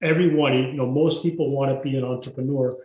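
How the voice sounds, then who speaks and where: A man's voice: mid-range voice, fairly even intonation, fast talker, lo-fi sound. Man, roomy sound. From Mexico. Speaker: guest entrepreneur. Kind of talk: podcast interview. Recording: roomy echo.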